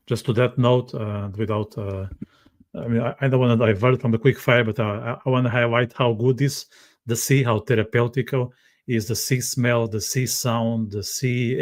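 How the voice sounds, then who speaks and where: A man with an average-pitched voice hosts a casual conversational interview. He feels his way through sentences haltingly, often repeating words and phrases. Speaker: podcast host.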